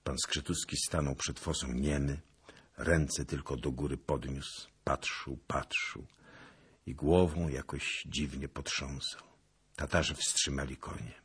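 Deep-voiced guy reading an old novel aloud, husky, really swoops around in tone. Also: measured pace. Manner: expressive, swelling with the action. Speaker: audiobook narrator. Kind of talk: dramatic audiobook reading.

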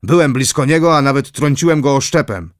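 A man's voice: mid-range voice, animated, fairly quick, no echo, clean studio sound, voice pushed up, close to an everyday voice. A man doing a brash, fearless squire. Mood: blunt. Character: bold fearless male squire, blunt. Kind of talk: audiobook character voice.

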